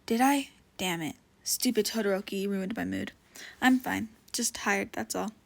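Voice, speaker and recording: A woman's voice: medium pitch, a little slow, gravelly. A woman reading the lines of a shy, cheerful teenage schoolboy, eager and a little flustered.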